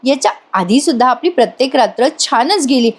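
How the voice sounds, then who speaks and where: An easygoing young husband, read by a woman narrator in her own slightly high voice. He talks lightly and playfully. The delivery stays close to the reader's plain tone. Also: expressive, fairly quick. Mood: teasing. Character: easygoing young married man, younger brother.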